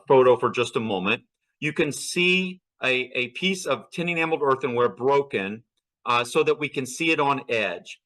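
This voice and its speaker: Bright-voiced man giving a slide lecture. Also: medium pitch, poor audio. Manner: poses rhetorical questions and answers them. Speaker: archaeology lecturer.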